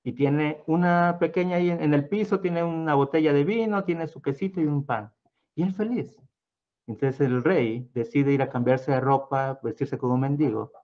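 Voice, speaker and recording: A man's voice: fairly high pitch, normal speed, muffled recording. Man telling a story. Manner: meandering, lots of fillers and restarts, acts out voices. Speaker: guest storyteller. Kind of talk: casual oral storytelling.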